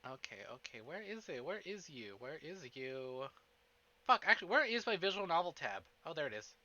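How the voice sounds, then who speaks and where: A streamer hosting a visual novel stream chats to viewers from his desk indoors in a very bright, forceful voice pitched a little high. He's animated and chatty at a moderate pace, often cutting himself off and swearing playfully. The audio is slightly dull and lo-fi.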